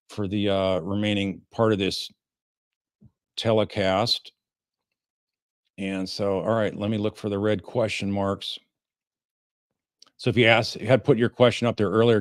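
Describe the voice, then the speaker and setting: A man hosting a livestream of legal commentary, talking informally and haltingly as he takes audience questions. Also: fairly low pitch, no echo, studio quality. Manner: halting, informal, rambling delivery. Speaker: host, defense lawyer commenting on a trial.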